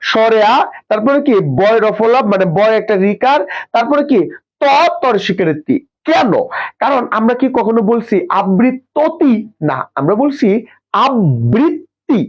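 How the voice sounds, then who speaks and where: High-voiced man teaching a lesson. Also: lo-fi sound. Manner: repeats questions and answers them himself, with heavy filler; drills pronunciation slowly, syllable by syllable. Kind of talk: exam prep lesson.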